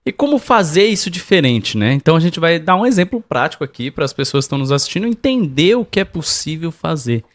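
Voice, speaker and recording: A podcast co-host with a fairly high, sing-song voice talks fast with few pauses in a casual advice chat. He gives marriage advice didactically, addressing listeners directly.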